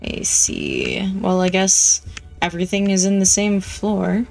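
A woman's voice: medium pitch, level tone, normal speed, creaky, a little mellow, soft background music, low-quality recording. A woman streamer giving casual, wry commentary as she plays a game, talking to herself. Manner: chatty, wry, talks to herself. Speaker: gameplay streamer. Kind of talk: casual let's-play commentary.

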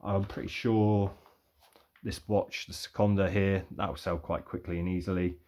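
A young man with a low, darkish voice talks at a moderate, steady pace as he shows off his car boot sale bargains on his vlog. He rambles and thinks aloud in a casual show-and-tell.

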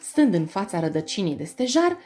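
A woman reading a children's story aloud, in an expressive, animated storytelling manner. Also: medium pitch, soft background music.

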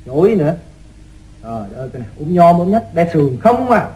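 An actor playing a kindly, reassuring village doctor in an old-style radio drama, familiar and gently chiding, with a Southern Vietnamese accent. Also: male voice, a little high, very animated, fairly quick, low-quality recording. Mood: chiding, examining. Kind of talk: radio drama acting in the manner of an old radio show.

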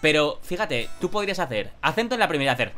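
Guitar teacher explaining. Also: male voice, fairly high pitch, very animated, fast. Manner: explanatory, laughs often, says "tío". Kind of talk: casual chat about guitar.

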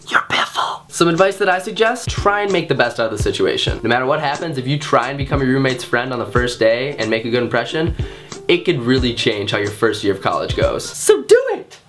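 A young man in a casual vlog, talking playfully and breaking into goofy bits. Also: a bit bright. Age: young adult. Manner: playful, jumps into goofy high-pitched bits. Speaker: vlogger.

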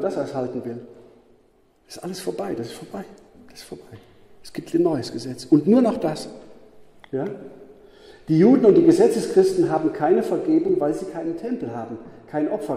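A man teaching on scripture, his voice very dark and mellow yet sitting fairly high for a man. He hammers his points home by repeating them and keeps checking in with quick tag questions. A roomy space with a long reverb trails after every phrase. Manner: emphatic, repetitive, frequent tag questions. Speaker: Bible teacher. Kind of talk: teaching talk.

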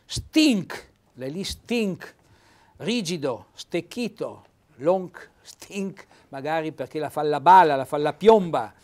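Guy in his 60s, trentino accent, slightly high voice, explaining italian dialect sayings like a lesson. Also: lively intonation, measured pace, darkish tone. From Trentino, Italy. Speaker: host and dialect teacher. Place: small TV studio. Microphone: lapel mic.

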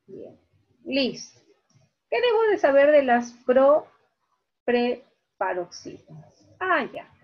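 A woman teacher giving an online lesson, talking slowly and repeating key words syllable by syllable. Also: high voice, very animated. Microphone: video call. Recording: dull video-call audio.

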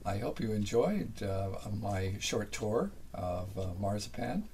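An older man giving a casual narrated tour of his small sailboat cabin, unhurried and halting, full of fillers. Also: on the low side, sing-song, dark tone, a little hiss or hum. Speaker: boat owner giving a tour. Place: small sailboat cabin, then home office.

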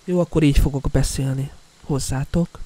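A young man doing a mock ASMR host in a soft, hushed, mock-soothing voice, as a whispered role-play. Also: mid-range voice, steady tone, close to an everyday voice.

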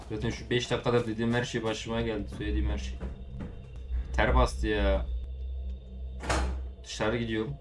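Teen male gaming commentator, chatty and excitable, talks to his viewers, game music underneath. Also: a little high. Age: late teens. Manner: excitable, swears, shouts at the game. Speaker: gaming YouTuber. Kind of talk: let's play commentary.

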